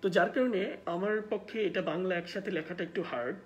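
A teacher with a Bangladeshi accent leads a live online class through a livestream camera mic. Explanations come at a quicker clip, and each model word is drawn out slowly for viewers to repeat. The voice sits at a mid pitch, with a faint background hum. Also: lo-fi sound. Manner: slow, stretched model words between quicker explanations. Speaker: English pronunciation teacher.

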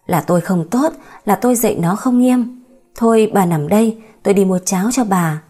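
A woman voicing a gruff, stern old father. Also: medium pitch, moderate pace, warm tone, natural voice. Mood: reproachful. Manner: scolding, blunt.

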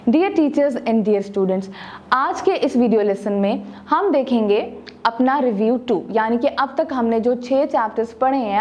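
A woman's voice: fairly high pitch, a little mellow. A young woman teaching a textbook video lesson, switching between Urdu and English and stretching words out syllable by syllable to show pronunciation.

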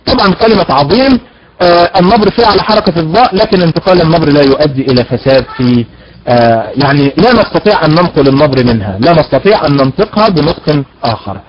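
A man teaches recitation in a voice pitched somewhat high. He draws out example words slowly, then speeds through his explanations and answers his own questions. The recording sounds dull and lo-fi. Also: expressive, noisy background. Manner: slow demonstrations of word stress contrasted with brisk explanation; asks rhetorical questions and answers them himself. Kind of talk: recorded lecture.

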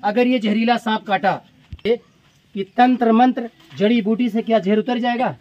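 A man's voice: very high voice, steady tone, moderate pace, a little mellow, muffled recording. A man rescuing snakes outdoors in a village, narrating to camera and repeatedly addressing his viewers as friends. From India. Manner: repeats "friends" constantly, pleading urgently when the crowd threatens the snake. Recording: noisy outdoor crowd recording. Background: crowd of villagers talking.

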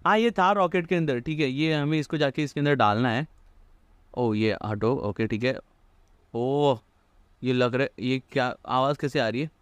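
A man's voice: mid-range voice, moderate pace, smooth, dry recording. Chatty man commenting on gameplay. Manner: chatty, jokey, mixes English into Hindi, talks to himself while playing.

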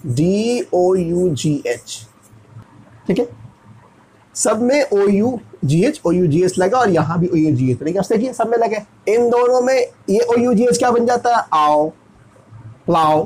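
A man's voice: high voice, unhurried, darkish tone, low-quality recording. A man with an Indian accent teaching English pronunciation in Hindi, asking and answering his own questions as he spells words out letter by letter. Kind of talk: explaining lesson.

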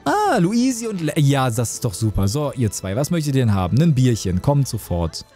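A man's voice: mid-range voice, big pitch swings, normal speed, dark tone, faint music behind. A young man streaming a tavern game, chatting casually with his chat, joking and reading out messages.

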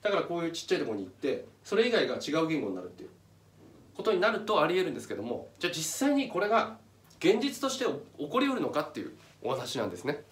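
A man's voice: a little high, huge pitch swings, very fast. A man giving a casual, step-by-step explanatory talk as channel host, pointing things out on a chart as he goes. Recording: echoey room, mic at a distance.

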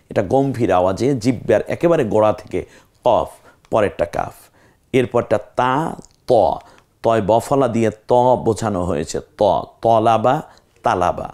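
Patient lower-voiced man teaching letters. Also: a little mellow. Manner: slow, patient, repeats letters for viewers to echo. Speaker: Quran teacher. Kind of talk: televised recitation lesson.

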